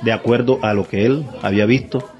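A man's voice: medium pitch, steady tone, brisk, muffled recording, faint music behind, some chatter behind. A man with a Colombian Caribbean accent, telling things informally as an interviewee. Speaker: folk dance group heir, interviewee.

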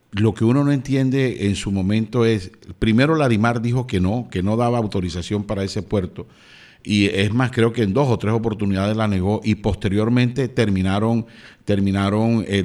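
A man's voice: lowish voice, darkish tone. A man, a radio journalist, asking a long question with hesitant fillers. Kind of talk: news interview.

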